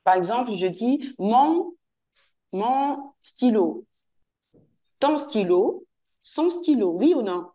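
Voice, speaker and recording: A woman's voice: fairly high pitch, expressive, dark tone. Patient woman teaching French. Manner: patient, repeats and models words slowly. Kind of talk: online French lesson with a pupil.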